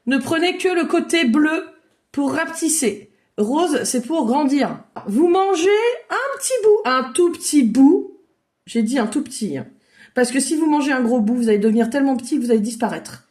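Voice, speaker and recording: High-voiced woman leading a kids' drawing class. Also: fairly quick. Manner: lively, encouraging, make-believe narration. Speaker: children's drawing workshop leader. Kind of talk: playful storytelling drawing lesson for kids. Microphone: video call.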